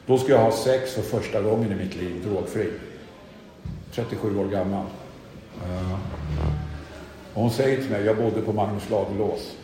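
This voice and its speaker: A man's voice: lowish voice, long pauses, mellow. Candid middle-aged man, echoey hall. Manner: candid, self-deprecating storytelling. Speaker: speaker sharing his recovery story. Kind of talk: personal testimony talk.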